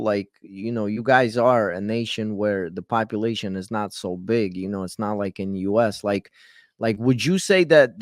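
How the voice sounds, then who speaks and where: Brief: male host, mid-pitched, pointed questions with stumbling starts, dry recording. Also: dry recording. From Western Ukraine. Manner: direct questioning, repeats words when starting. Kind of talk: casual conversation.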